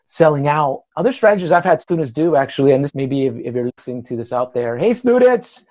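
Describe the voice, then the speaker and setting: A man's voice: mid-range voice, fairly even intonation, quick pace, darkish tone. A man who teaches writing, chatting on a podcast, self-deprecating and rambling with many "you know"s. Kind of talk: podcast conversation.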